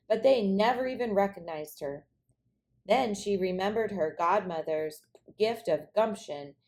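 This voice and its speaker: Here a storybook reader, a woman with a medium-pitched voice, performs a children's tale with dramatic, expressive flair.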